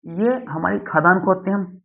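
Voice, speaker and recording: A young man, teaching a class lesson slowly and deliberately, often checking in with his students. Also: high voice, fairly even intonation, creaky, sharp tone. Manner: slow, deliberate explaining with frequent "theek hai" check-ins. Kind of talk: classroom lecture. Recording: dull lo-fi sound.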